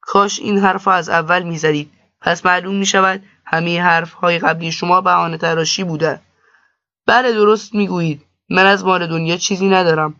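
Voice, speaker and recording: A man's voice: sits high, fairly even intonation, bright, forceful tone, no echo. A man voicing a poor, earnest young male cleric in a storybook reading, speaking politely and pleadingly. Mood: hurt, muttered. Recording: dull lo-fi dry recording.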